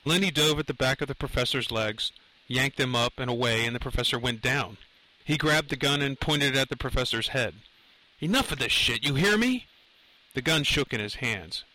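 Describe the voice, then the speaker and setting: A man reading a thriller aloud with a crisp, bright tone and tense drive. His delivery is dramatic, often jumping upward in pitch on tense moments. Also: fairly quick, poor audio. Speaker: narrator. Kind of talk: audiobook narration of a thriller.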